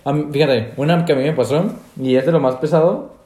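A man's voice: a little high, fairly even intonation, brisk, warm tone, roomy sound. A young man with a Mexican Spanish accent, animatedly telling a scary story in casual chat, laughing often.

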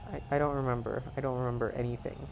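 A man's voice: mid-range voice, little pitch movement, quick pace, creaky, darkish tone, slight background noise, close to an everyday voice. A man reading aloud, voicing a young male demigod hero who is confused and defiant, in a raised, pushy tone. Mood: baffled.

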